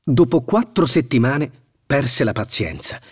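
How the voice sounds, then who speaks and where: A man reads a fairy tale aloud in an expressive storytelling voice. His pitch moves a lot, and his voice is slightly husky. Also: a little slow. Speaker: narrator. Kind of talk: scripted storybook narration.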